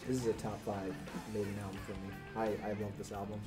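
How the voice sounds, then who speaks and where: A man's voice: on the low side, level tone, fast talker, music in the background. A man co-hosting a casual podcast chat, stating his opinions emphatically. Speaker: podcast co-host.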